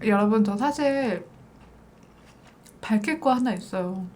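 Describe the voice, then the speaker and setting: A woman's voice: medium pitch, lively intonation, unhurried, a little mellow, a little hiss or hum. A woman from South Korea chats casually and playfully to viewers as the host of an eating show. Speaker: mukbang host.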